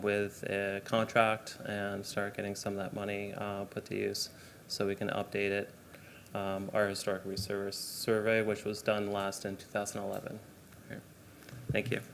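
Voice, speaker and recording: A man on city staff gives a short report at a board meeting in a council chamber. His voice sits low and barely moves in pitch, and he hesitates often with ums. Faint room noise runs behind him. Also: creaky, fairly bright tone.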